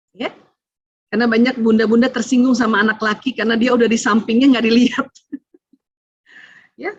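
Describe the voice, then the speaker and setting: A middle-aged woman lectures an audience of mothers in a bright, high voice. She laughs often and acts out family dialogues. The sound is close and dry, a little dull. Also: dry recording. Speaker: doctor giving a talk to mothers. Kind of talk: lively religious lecture.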